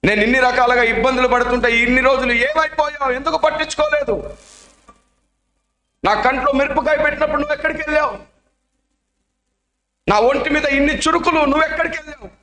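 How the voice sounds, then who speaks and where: Sobbing young boy crying out high and shrill, put on by a male preacher, echoey room. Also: pushed and bright. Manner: sobbing, high pleading cries.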